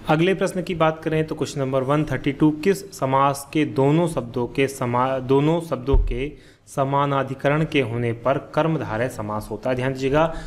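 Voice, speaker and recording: A man's voice: mid-range voice, normal speed. A man teaching a grammar lesson for exam preparation, patiently repeating key terms and asking and answering his own questions. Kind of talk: exam-prep lesson explaining quiz answers.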